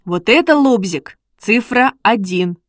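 An eager, bossy schoolboy, as a woman reads him aloud, coaxing and exclaiming in a high, bright voice. It is storybook reading, close and dry, with no room sound. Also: lively intonation, takes it slowly, no echo. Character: eager excitable schoolboy, bossy dog trainer.

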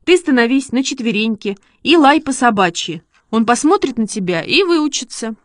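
A woman voicing an excitable schoolboy who coaxes and exclaims while training his dog, read as a storybook. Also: on the high side, normal speed, dry recording, clean studio sound, natural voice. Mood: eager. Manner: eager, coaxing, exclaiming. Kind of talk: storybook reading.

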